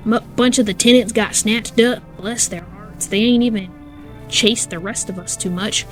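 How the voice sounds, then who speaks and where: A woman's voice: mid-range voice, moderate pace, soft background music, close to an everyday voice. A woman putting on a drawling country mama. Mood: folksy, pleading. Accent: put-on Southern US country. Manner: drawling, folksy, quiet. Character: folksy country woman refugee, motherly.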